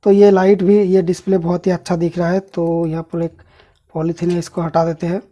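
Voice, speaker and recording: Calm, flat-voiced man reviewing gadgets. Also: high-pitched, brisk, muffled recording. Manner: explains while handling the device, addresses viewers as friends. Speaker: host of an electronics channel. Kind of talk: casual product unboxing and review.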